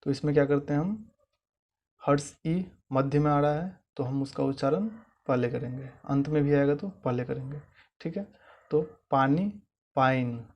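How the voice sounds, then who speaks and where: A young man teaching a spoken language lesson, explaining patiently, saying example words slowly and repeating them. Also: fairly high pitch, lo-fi sound.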